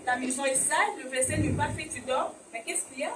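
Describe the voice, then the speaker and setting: A woman's voice: sits high, steady tone, fast, fairly bright tone. A woman playing an exasperated mother who keeps pressing her crying daughter, in an amateur church skit. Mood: insistent. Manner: repeats demands, exasperated. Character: scolding mother, exasperated and insistent. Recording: echoey hall, distant mic, noisy.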